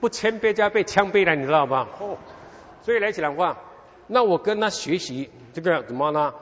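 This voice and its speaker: A middle-aged male preacher tells his own story as a sermon. His pitch swings widely, and he keeps turning to the congregation with questions. The sound is dull and muffled, with a long hall reverb behind him. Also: brisk. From Taiwan. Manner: animated storytelling, constant rhetorical questions. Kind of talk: sermon with personal testimony.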